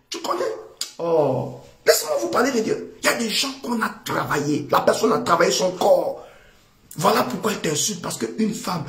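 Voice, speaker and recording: High-pitched animated male preacher, echoey. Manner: animated, voices the people he quotes, repeats phrases for emphasis. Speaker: prophet preacher. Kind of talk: sermon.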